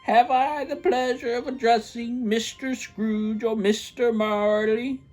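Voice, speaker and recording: A woman voicing a courteous, portly gentleman in a storybook reading, polite and formal. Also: a little high, fairly even intonation, slow, soft background music.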